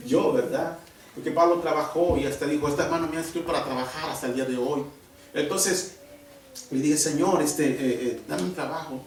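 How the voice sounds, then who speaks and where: A man preaching a sermon at church, emphatic and animated, often dropping into a hushed voice as he tells a personal testimony. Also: a little high, slight background noise. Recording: very echoey church hall from far off.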